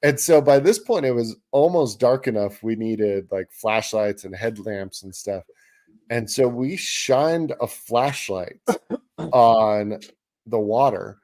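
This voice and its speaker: A man co-hosting a fishing talk show, his pitch sitting in a middle range. He tells a long story in a relaxed, chatty way and brings it to life by acting out what people said. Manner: animated storyteller, acts out quotes, laughs while telling. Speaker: podcast co-host. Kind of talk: casual storytelling chat.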